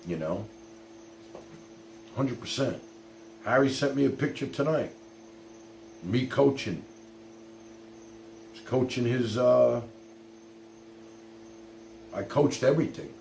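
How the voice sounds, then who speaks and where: A middle-aged livestream host chats casually with live viewers, telling personal stories bluntly and ramblingly, peppered with swearing and "you know". His medium-pitched voice is expressive, slow and a little mellow, with vocal fry and frequent pauses. The room echoes, with faint hum and noise.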